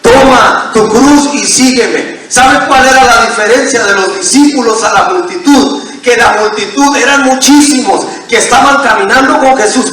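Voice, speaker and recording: A Mexican pastor with a very high, sharp voice preaches emphatically in a church sanctuary, urging the congregation to call back to him. The recording sounds distant and echoes through the hall.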